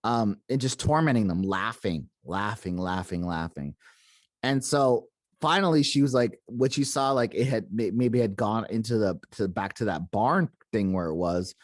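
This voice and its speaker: A man's voice: fairly low pitch, darkish tone, no echo, studio quality. Rambling man retelling a spooky tale. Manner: rambling retelling, heavy on "like" and restarts. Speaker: podcast host. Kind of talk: casual paranormal storytelling.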